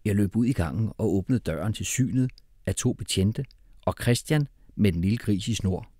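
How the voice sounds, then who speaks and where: A man reading an audiobook with expressive, animated storytelling. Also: fairly low pitch, no echo, studio quality. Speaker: audiobook narrator.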